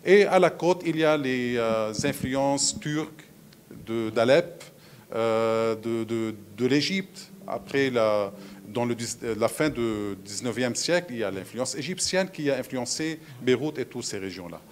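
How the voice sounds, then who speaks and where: A man's voice: medium pitch, expressive, measured pace, a little hiss or hum. A man, a musicologist explaining things at a round table, with frequent hesitations. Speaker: musicologist on a panel. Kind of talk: round-table lecture talk.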